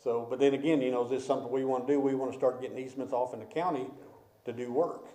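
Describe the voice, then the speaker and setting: A man at a city committee meeting, talking in a rambling, halting way full of fillers. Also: medium pitch, fairly even intonation, warm tone. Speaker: committee member. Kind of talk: public meeting discussion. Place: council meeting room. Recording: echoey meeting room.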